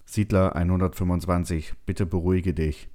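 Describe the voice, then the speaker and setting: A man voicing a calm, flat ship computer. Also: sits low, natural voice. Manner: flat, measured, formal. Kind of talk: audiobook voice acting.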